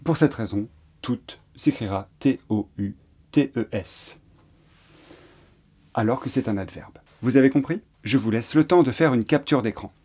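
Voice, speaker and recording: A man from France gives a French lesson at an unhurried, deliberate pace. His voice is mellow and slightly husky, and he patiently repeats each example and spells words out letter by letter. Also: medium pitch. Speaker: French teacher. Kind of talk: slow explanatory lesson.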